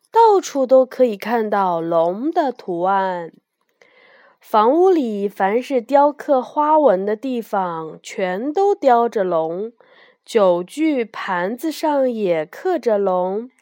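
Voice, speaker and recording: Female storyteller for kids, higher pitch, very slow and animated. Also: no echo, clean studio sound. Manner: slow, expressive storytelling to children. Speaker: children's storyteller. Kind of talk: bedtime story narration.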